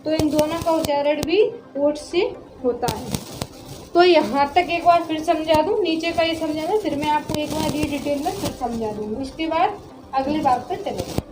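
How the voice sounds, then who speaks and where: A woman's voice: high-pitched, normal speed, reverberant, noisy background. A woman teaching Hindi pronunciation, sounding out syllables one by one and answering her own questions. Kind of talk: classroom lesson on pronunciation.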